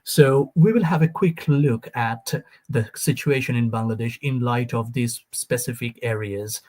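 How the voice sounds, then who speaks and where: A man's voice: medium pitch, unhurried, darkish tone. A man hosting a panel discussion, thanking guests and handing over turns in a polite, formal way. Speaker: host moderating a panel. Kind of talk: moderating a discussion.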